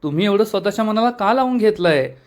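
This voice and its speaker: A man voicing a proud, quick-tempered young wife who answers back curtly. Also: high-pitched, lively intonation, pitched above the performer's own voice. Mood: defiant. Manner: curt, defiant.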